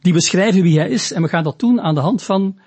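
Man preaching, husky and fairly high-voiced, slow emphatic delivery. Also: darkish tone. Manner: slow, deliberate and emphatic, with rising quoted lines. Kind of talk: sermon teaching on scripture.

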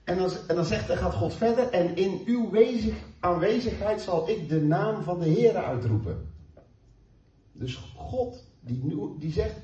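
A man preaching a sermon, emphatic, moving between slow stressed phrases and quick asides. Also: high-pitched, expressive, warm tone. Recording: echoey, distant, dull room sound.

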